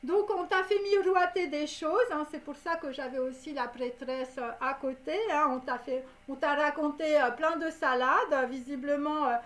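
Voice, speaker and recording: A woman's voice: high-pitched, steady tone, normal speed, hardly any pauses, a bit bright. A woman giving a rambling tarot reading, full of fillers and asides. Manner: rambling, many fillers and "hein". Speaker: tarot card reader. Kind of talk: casual tarot reading to camera.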